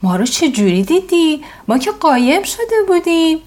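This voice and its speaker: A woman's voice: high voice, big pitch swings, a little mellow, pitched above the performer's own voice. A woman voicing small, timid pigeon chicks in a children's bedtime story, in a childlike, eager voice.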